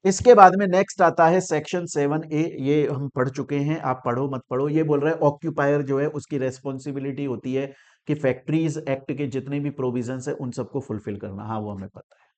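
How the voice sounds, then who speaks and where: A man's voice: medium pitch, brisk. A man giving a law lecture in Hindi and English. He poses questions and answers them himself, and he acts out what students ask. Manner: animated, asks and answers his own questions. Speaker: law teacher. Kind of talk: classroom lecture.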